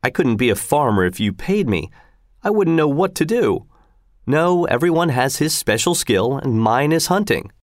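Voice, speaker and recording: Reading a story aloud, a man with a mid-range voice plays a bold, easygoing hunter and father who talks casually and with self-assurance. He raises his pitch above his natural voice and acts it lightly but with lots of animation, at a moderate pace. The recording is dry and studio quality.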